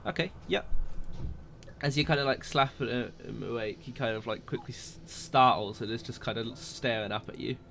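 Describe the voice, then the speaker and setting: A man's voice: mid-range voice, moderate pace, creaky, a bit bright, a little hiss or hum. A man running a tabletop game as game master, narrating hesitantly with many fillers.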